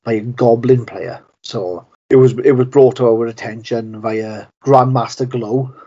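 A man's voice: medium pitch, steady tone, a little slow, mellow. A middle-aged man on a podcast, chatting casually and laughing often. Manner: laid-back, swears casually, laughs often. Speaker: podcast co-host. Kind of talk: casual chat. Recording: dull lo-fi sound.

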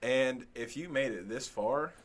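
A man's voice: medium pitch, measured pace. A man co-hosting a podcast, talking bluntly and with a lot of swearing in casual chat. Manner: blunt, profane, laughs easily. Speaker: podcast co-host.

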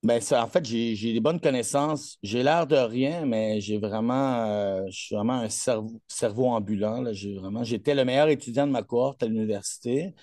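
Boastful Québécois man, mellow voice. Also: mid-range voice, moderate pace, few pauses, no echo, clean studio sound. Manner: boastful, rambling, heavy on fillers. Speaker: coach being interviewed. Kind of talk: casual interview chat.

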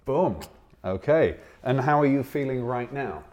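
A man's voice: mid-range voice, animated, measured pace, a little mellow, highs cut off. A man hosting an interview, asking questions and backing the guest with frequent affirmations. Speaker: interviewer, co-founder of the show. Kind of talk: interview conversation.

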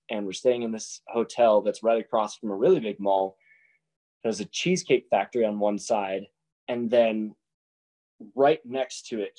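Mellow-voiced young man telling his story. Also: fairly low pitch, low-quality recording. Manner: casual, animated retelling with voiced quotes. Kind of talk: personal storytelling talk.

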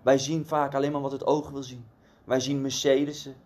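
A man's voice: mid-range voice, level tone, moderate pace, a little mellow. A man giving a conversational devotional sermon, telling a story earnestly with casual asides.

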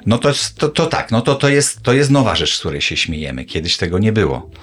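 Middle-aged guy with a deep husky voice, chatty and lively, laughs a lot. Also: fairly quick. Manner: animated storyteller, laughs often, jumps up in pitch when excited. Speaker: podcast co-host. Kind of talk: casual chat.

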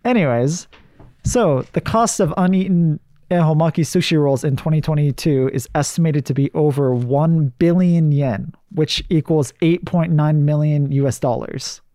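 A man with a mellow, slightly high voice talks as a show co-host. He explains things in an informal, conversational way. The recording is dry and close, with very little room sound. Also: moderate pace, no room sound. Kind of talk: casual explanatory chat.

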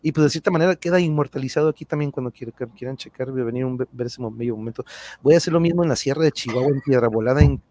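A Mexican man hosts a livestream in a casual, conversational way. His pitch sits in a normal male middle range, and he speaks in slangy, thankful phrases, addressing his viewers directly. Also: rapid-fire, mellow. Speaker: livestream channel host.

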